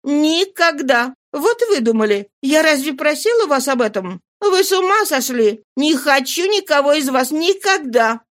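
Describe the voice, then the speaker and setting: A woman's voice: sits high, lively intonation, measured pace, hardly any pauses, fairly bright tone, voice pushed up. A woman voicing a flighty, impatient young woman who scolds and exclaims. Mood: scornful.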